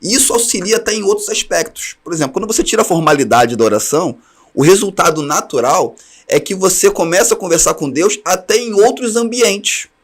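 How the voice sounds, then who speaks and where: A man from Brazil leads an online class for teachers, giving earnest, direct advice. His voice sits on the higher side and he keeps a quick pace. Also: animated. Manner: earnest advice, speaks straight to listeners. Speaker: teacher trainer.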